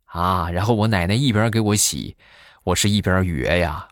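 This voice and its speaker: A man in his thirties telling comic stories in a chatty way, filling pauses with drawn-out fillers. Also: low voice, no echo, clean studio sound. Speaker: comedy vlogger. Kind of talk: comic storytelling monologue.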